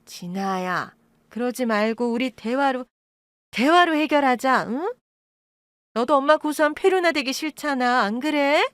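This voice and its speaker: A woman's voice: expressive, unhurried, smooth, dry recording. A woman voicing a scheming middle-aged birth mother who whines, pleads and flares up indignantly, in an audio drama. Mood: wheedling. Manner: wheedling, indignant, talks in high pleading bursts. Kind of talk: Korean audio-drama acting.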